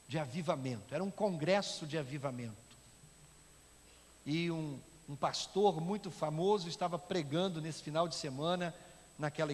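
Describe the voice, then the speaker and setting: A man with a Brazilian Portuguese accent preaching a sermon as pastor, swinging from loud shouting to hushed, quiet speech. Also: fairly high pitch. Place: church sanctuary. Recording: long church reverb with soft instrumental music.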